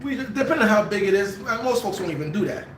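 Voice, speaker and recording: A man's voice: high-pitched, expressive, fast talker, fairly bright tone, far from the mic, a little hiss or hum. A man in casual chat who explains fitness topics at length, leaning on fillers like "kinda.". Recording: echoey room, voice set back from the mic.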